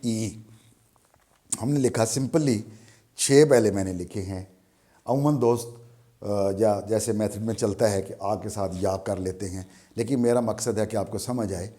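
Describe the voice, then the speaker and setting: A man with a Pakistani Urdu accent teaches a beginner class in an unhurried way, repeating each vowel again and again. His voice sits low and mellow, and he speaks very slowly. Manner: slow, patient, repeats sounds many times. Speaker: language teacher. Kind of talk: beginner lesson at a board.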